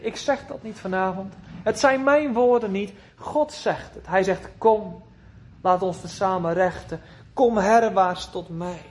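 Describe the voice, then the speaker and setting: A man with a notably high voice preaching a sermon. He talks earnestly, lifting his voice for calls and sinking to soft, tender phrases, and he often asks his listeners questions. His wording is old-fashioned and biblical. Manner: earnest, swinging between emphatic raised lines and hushed tender phrases.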